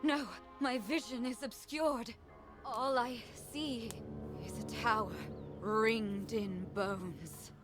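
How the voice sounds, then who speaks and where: A woman voicing a wise, solemn female guide in a video game, speaking in a deliberate, dramatic way. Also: a little high, music in the background. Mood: ominous, urgent. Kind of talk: video game character acting.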